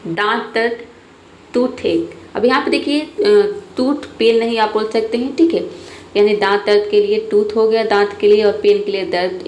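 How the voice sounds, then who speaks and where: A woman teaching English vocabulary, repeating each word slowly and often checking in with "theek hai". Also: mid-range voice, darkish tone. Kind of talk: vocabulary lesson, word lists with repetition. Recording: echoey room, faint background noise.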